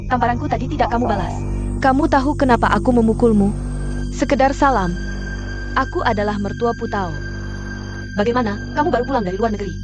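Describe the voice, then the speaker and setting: A blunt, commanding woman faces down a rich man, as an actress dubs her. Her voice sits a little high. Clear music plays under the dubbed drama lines. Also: quick pace, pauses often, close to an everyday voice. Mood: menacing. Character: bold, threatening woman confronting a rich director. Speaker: dub actor. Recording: music playing behind.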